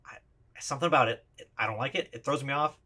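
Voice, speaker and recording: A man with a bright, forceful voice ranks overpriced trading cards. He is plain-spoken and opinionated, often restarting his sentences. The clip is played back within another video. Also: mid-range voice, fast, breathy edge. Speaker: card reviewer in a played video. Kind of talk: casual ranking commentary.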